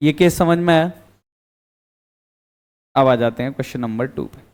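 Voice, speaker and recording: A man's voice: mid-range voice, normal speed. A man teaching physics in a classroom, asking the students questions and answering them himself. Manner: quizzing students, answering his own questions. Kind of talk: classroom lecture.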